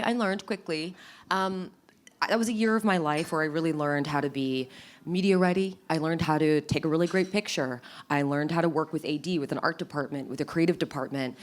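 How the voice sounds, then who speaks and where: A woman in her thirties chats in a loose, casual interview. Her voice sits a little low. She tells her stories animatedly, acts out what people said, and fills the gaps with plenty of ums and likes. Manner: animated, acts out quotes, many fillers. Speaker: guest.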